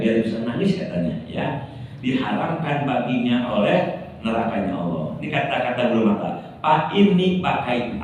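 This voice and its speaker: Low-voiced preacher in an echoey hall. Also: male voice, a little hiss or hum. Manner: animated, swings from loud exclamations to quiet asides. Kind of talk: sermon. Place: prayer room. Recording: echoey hall from far off, dull sound.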